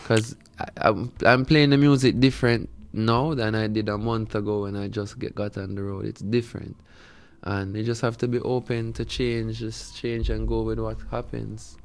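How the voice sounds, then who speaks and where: Male reggae artist, Jamaican accent, deep-leaning clean resonant voice, relaxed conversational interview delivery. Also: moderate pace, vocal fry. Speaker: reggae musician being interviewed. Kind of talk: casual interview chat.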